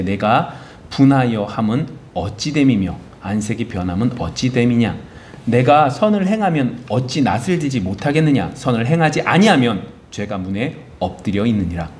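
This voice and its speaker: A man's voice: mid-range voice, a little hiss or hum. A man preaching a sermon as a pastor in a church. He keeps asking the congregation questions and answers them himself. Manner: animated, asks the congregation rhetorical questions; acts out biblical characters in quoted voices. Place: church sanctuary.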